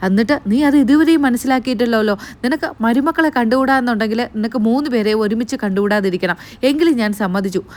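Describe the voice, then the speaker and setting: A woman's voice: a little high, natural voice. A woman voicing an angry elderly grandmother who scolds her family in a raised voice.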